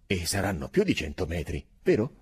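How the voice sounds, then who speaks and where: A man's voice: huge pitch swings, brisk, husky, heavily acted. A man voicing an anxious young army lieutenant, agitated and hesitant. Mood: uneasy. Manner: agitated, hesitant, higher and louder.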